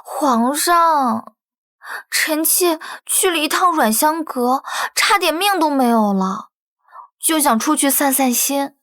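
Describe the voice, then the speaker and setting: An actress playing a young imperial consort in a costume drama, with coy, deferential courtly speech. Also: female voice, high-pitched, lively intonation, slow, a bit bright, no room sound, clean studio sound, heavily acted. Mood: coaxing, sweet. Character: young imperial consort, coaxing, sweet and secretly scheming.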